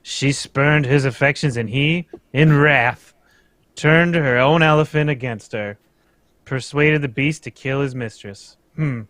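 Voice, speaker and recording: Voicing a florid, pompous actor of the old school, a man reads in a live old-time radio table read with a natural, medium-pitched, slightly bright voice, a little slow and free of room sound. He's grandiose and theatrical and says "me dear."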